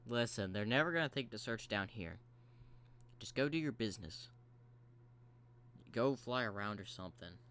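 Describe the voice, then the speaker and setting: A man's voice: fairly low pitch, animated, normal speed, long pauses, fairly bright tone. A man voicing a tired, grumpy male robot fox who hesitates and fumbles his words. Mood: weary. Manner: sleepy, hesitant, full of filler words.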